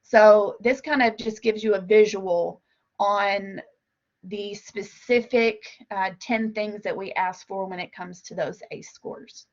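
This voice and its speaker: Woman presenter, medium pitch, explanatory, measured point-by-point delivery, slightly muffled meeting recording. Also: fairly even intonation. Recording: dull, lo-fi online meeting audio.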